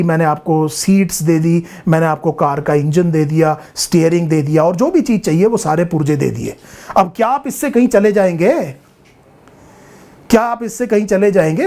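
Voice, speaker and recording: Mellow-voiced middle-aged teacher. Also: male voice, high voice. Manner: asks rhetorical questions, repeats phrases for emphasis; drawn-out, deliberate English phrases. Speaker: biology teacher. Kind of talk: Hindi-English exam-prep lecture.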